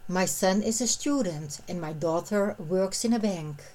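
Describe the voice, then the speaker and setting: A woman narrating a scripted language lesson, reading short phrases and translations in a measured, clearly separated way. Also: lowish voice, a little mellow.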